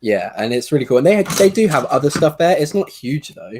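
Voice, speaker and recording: A man's voice: on the high side, big pitch swings, brisk, background noise. A young man hosting a stream, reading chat in an easygoing way. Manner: easygoing, reads chat, hesitant fillers. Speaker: stream host.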